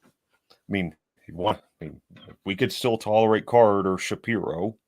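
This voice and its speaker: Man, low voice, podcast co-host, dry deadpan comments. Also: moderate pace. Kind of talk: casual podcast banter.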